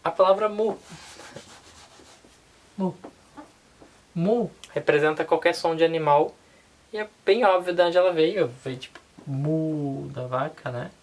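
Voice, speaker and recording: A language teacher with a low voice and a Brazilian Portuguese accent gives a casual online language lesson. She is relaxed and unhurried and often checks in with her listeners.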